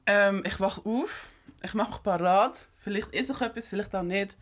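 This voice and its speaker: A young woman co-hosting a casual radio chat, excitable, laughing often and dropping in English slang. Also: mid-range voice, normal speed. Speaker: radio show co-host.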